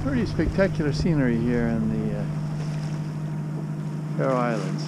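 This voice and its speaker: A man's voice: mid-range voice, normal speed. An older man filming himself on a sailboat, casually explaining his rigging and the coastline to the camera. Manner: relaxed, explains sailing gear step by step. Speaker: solo sailor vlogger. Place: outdoors on a sailboat deck and rocky coast. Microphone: action camera held at arm's length. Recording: loud wind noise on camera mic. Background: wind and water noise.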